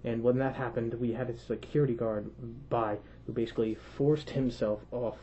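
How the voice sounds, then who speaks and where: A young man vlogging from inside a costume head, so his voice comes out muffled. He has a warm, mellow tone and a chatty, rambling way of telling his story. The recording is a bit dull and lo-fi, with faint noise behind him. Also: mid-range voice, steady tone, normal speed. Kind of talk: casual storytelling to camera.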